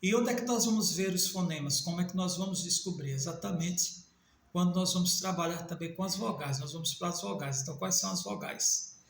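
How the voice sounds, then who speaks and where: A man from Northeast Brazil with a Northeastern Brazilian accent, teaching a Portuguese grammar video lesson and spelling out letters slowly with small self-corrections. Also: sits high, a bit bright, echoey room, a little hiss or hum.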